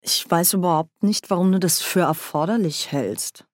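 A woman's voice: mid-range voice, measured pace, darkish tone, dry recording, studio quality, lightly acted. A woman voicing a whiny, vain duke. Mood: whining. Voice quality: whining, sulky. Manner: complaining, with stumbling filler sounds. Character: petulant, vain, whiny young male duke.

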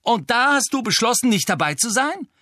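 A man's voice: mid-range voice, big pitch swings, brisk, a bit bright, no echo, studio quality. A man reading an audiobook, voicing an angry teenage girl who captains a sports team. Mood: furious. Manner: angry, hissing, jabbing.

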